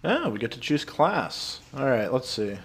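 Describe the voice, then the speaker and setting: A man giving casual game commentary, relaxed and thinking aloud. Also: mid-range voice, unhurried, gravelly, slightly rough. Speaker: let's play gamer.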